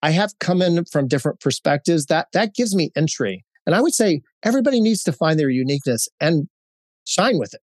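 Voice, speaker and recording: A fiftysomething man who grew up in Hawaii, a corporate executive, gives candid, anecdotal interview answers with plenty of fillers and restarts. His high-leaning voice is sing-song and brisk with a darkish tone, in a dry, studio-quality recording.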